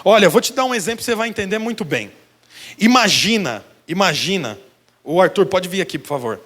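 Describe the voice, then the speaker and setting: A man's voice: high-pitched, lively intonation, a little fast, fairly bright tone. A Brazilian pastor in his church, preaching a sermon and telling a vivid illustrative story straight to the congregation. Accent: Brazilian Portuguese. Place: church sanctuary.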